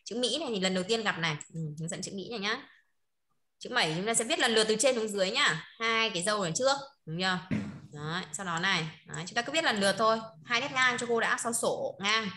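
Female teacher, rapid patter, bright tone, online class, constant check-ins. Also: medium pitch, expressive. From northern Vietnam. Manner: checks in constantly with short tag questions, laughs often. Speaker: Chinese teacher. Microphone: online video call.

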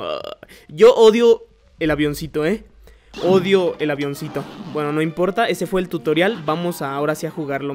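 Excitable high-voiced gamer. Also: male voice. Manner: excitable, yelps and swears when hit. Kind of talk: gameplay commentary. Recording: faint music behind.

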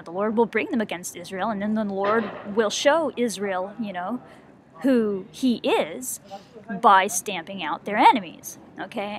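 A woman's voice: mid-range voice, fairly bright tone, a little hiss or hum. Chatty woman rambling about scripture. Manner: rambling, chatty, many "okay" and "you know" fillers. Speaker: mother. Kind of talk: casual Bible talk.

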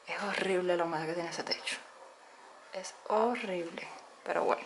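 A woman's voice: fairly low pitch, moderate pace, a little hiss or hum. Cuban woman chatting on a house tour. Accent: Cuban Spanish. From Cuba. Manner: chatty, many "eh" fillers, addresses viewers directly. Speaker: vlogger giving a house tour. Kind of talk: casual house-tour narration. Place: small home, indoors. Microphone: handheld phone camera, speaking from behind it.

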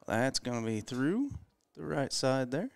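Gravelly-voiced man, chatty color commentator, dry close sound. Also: mid-range voice, very animated, a little slow, dry recording. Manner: joking, chatty, self-deprecating. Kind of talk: casual local sports commentary.

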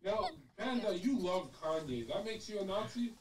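High-voiced man teasing on a podcast. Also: lively intonation, moderate pace, a little hiss or hum. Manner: teasing, mock-preacher jokes. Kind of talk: casual podcast chat.

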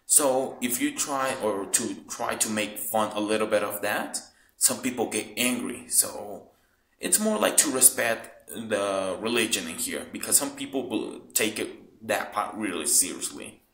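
A Mexican man, a local tour guide whose first language is Spanish, answering interview questions in halting English full of "like". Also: lowish voice, animated, fairly bright tone, reverberant, rough recording. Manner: halting non-native English, frequent "like".

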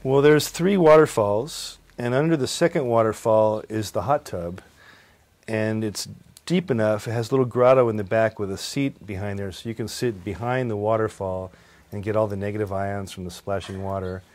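A man's voice: on the low side, normal speed, a little mellow. A man from California, a guitarist being interviewed at his home, chatting casually, laughing often and acting out little quoted lines as he tells stories. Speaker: guitarist guest. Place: at his home estate by the pool.

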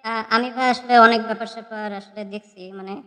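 A man's voice: high voice, fairly even intonation, fast, sharp tone. Man caller with a cathedral-echo voice disguiser. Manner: hesitant, many fillers and restarts. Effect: voice disguiser with heavy cathedral echo. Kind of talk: live call-in debate. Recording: cathedral echo, distant call audio.

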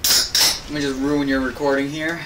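A man's voice: medium pitch, level tone, normal speed. A young man teasing his friend as he watches him play, joking and laughing in casual chat. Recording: distant from the mic with faint noise.

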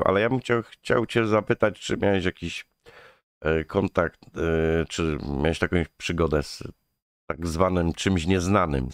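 Low-voiced Polish man hosting a chat. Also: no echo, studio quality. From Poland. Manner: chatty, searching for words with many fillers. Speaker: host. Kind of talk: casual interview.

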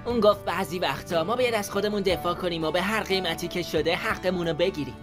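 A woman's voice: fairly low pitch, natural voice. A woman voicing an earnest, protective young boy in a dubbed cartoon story, talking sincerely and directly. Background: music.

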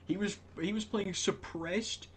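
A young man in casual gaming chat, joking and reacting quickly while playing, laughing often. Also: high-pitched, steady tone. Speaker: gamer. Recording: noisy voice chat.

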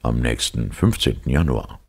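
Male reader as calm captain: very low, husky, conceding. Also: moderate pace, heavily acted. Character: easygoing male sea captain, yielding.

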